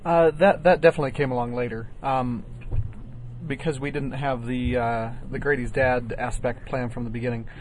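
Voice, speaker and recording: A man's voice: mid-range voice, fairly even intonation, moderate pace, a little mellow, slight background noise. A man co-hosting a casual question-and-answer chat, chiming in with dry quips. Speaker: co-host. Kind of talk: casual podcast Q&A.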